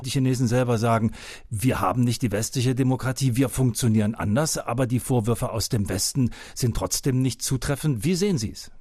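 A man's voice: medium pitch, a little fast, a little mellow, husky, dry recording, studio quality. A man hosting a radio panel discussion who puts questions to his guests and steers the debate. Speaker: radio show host.

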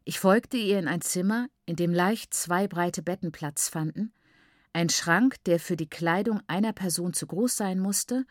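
A woman narrating a literary novel in the first person, in a measured, reflective way. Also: lowish voice, darkish tone, no echo, studio quality. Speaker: audiobook narrator.

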